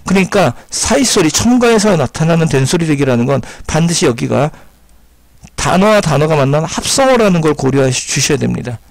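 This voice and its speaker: A man's voice: on the high side, animated, fairly quick, gravelly, no room sound. A man teaching an exam-prep grammar lecture, explaining step by step and repeating key terms as he sounds words out. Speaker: Korean language teacher.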